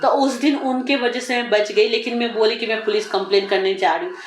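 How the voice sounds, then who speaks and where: A woman's voice: on the high side, steady tone, fairly quick, soft background music. A woman giving an earnest interview, retelling a frightening personal event vividly and acting out the lines of the people involved. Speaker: interview guest. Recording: roomy with faint background noise.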